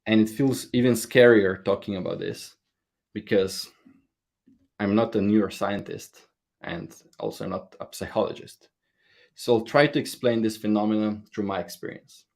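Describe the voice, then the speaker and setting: A man speaks at a slightly low pitch. He delivers a prepared conference talk earnestly, a little nervous, with small grammar slips. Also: moderate pace, darkish tone. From Slovenia.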